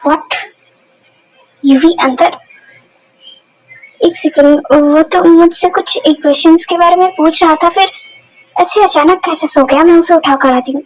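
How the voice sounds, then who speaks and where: A woman's voice: extremely high pitch, measured pace, long pauses, poor audio. Woman voicing a hot-tempered mafia queen. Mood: irritated. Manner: sharp and scolding.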